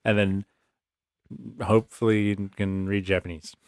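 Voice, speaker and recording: A man's voice: lowish voice, level tone, normal speed, no room sound, studio quality. A man co-hosting a casual podcast, laid-back and teasing, mostly with short replies. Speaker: podcast co-host. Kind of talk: casual chat.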